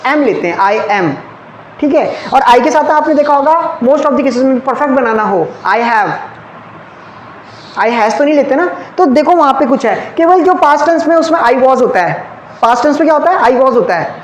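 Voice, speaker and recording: A male teacher runs an exam-prep grammar lesson, firing questions at the class and answering them himself. He keeps checking whether everyone has followed. His voice rings around a reverberant classroom over a faint steady hum. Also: extremely high pitch. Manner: checks often with "clear?" and "okay". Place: classroom with ceiling fans. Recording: echoey room, faint background hum.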